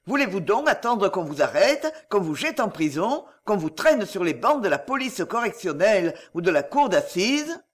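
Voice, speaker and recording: A man's voice: high-pitched, big pitch swings, normal speed, hardly any pauses. A man voicing an urgent middle-aged family friend in an audiobook, speaking insistently. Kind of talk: audiobook character reading.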